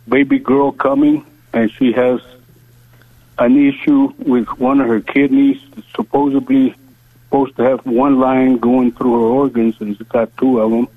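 A man in his seventies calling into a radio show with a prayer request, speaking in an earnest, halting way. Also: mid-range voice, dry recording. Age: 70s. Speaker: caller. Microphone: phone. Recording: tinny dry phone line.

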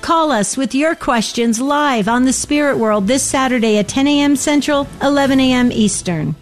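High-voiced woman reading a radio promo. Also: moderate pace, soft background music.

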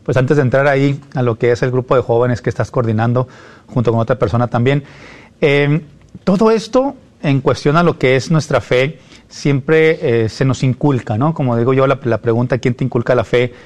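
A man hosts an interview, asking questions in a friendly, chatty manner. His voice sits at an ordinary middle pitch. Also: normal speed, darkish tone. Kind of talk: conversational interview.

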